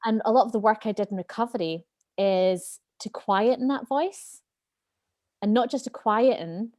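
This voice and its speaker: A woman wellbeing expert speaks as an interview guest, earnest, open and animated in her candid talk. Her voice is medium-pitched, and the studio-quality recording has no room sound.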